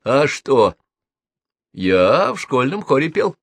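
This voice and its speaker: A man's voice: mid-range voice, big pitch swings, takes it slowly, pitched above the performer's own voice, heavily acted. A man voicing a jovial young man who teases everyone with good-natured mockery. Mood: teasing.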